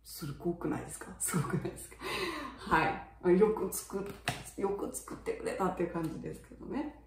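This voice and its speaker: A middle-aged woman teaching in a casual video lesson, chatting with many fillers and sounding out words slowly to show them. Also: on the low side, gravelly, a little mellow, roomy sound, distant mic, slight background noise. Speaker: English teacher for young children.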